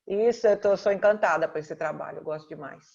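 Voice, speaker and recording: A woman's voice: fairly low pitch, a little fast, gravelly, darkish tone. A woman, an integrative therapist, introducing herself with enthusiasm over a video call. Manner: enthusiastic, chatty. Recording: dull, lo-fi call audio.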